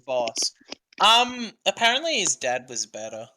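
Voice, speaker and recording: A man's voice: sits high, wildly swooping pitch, unhurried, bright, forceful tone, slight background noise, rough recording. An Australian man hosting a casual podcast chat, rambling and hesitant, swearing freely. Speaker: podcast host.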